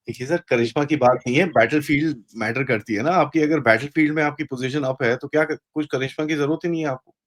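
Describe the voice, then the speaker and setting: A man with an Indian accent giving an animated political analysis, mixing in English phrases and acting out quoted speech. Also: a little high, fast talker. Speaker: guest analyst. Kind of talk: casual political discussion.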